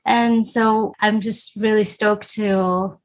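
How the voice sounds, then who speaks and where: A woman's voice: mid-range voice, level tone, slow pace. A woman from Texas talking enthusiastically as a podcast guest in a casual conversation. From Texas, USA. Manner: warm, enthusiastic, chatty.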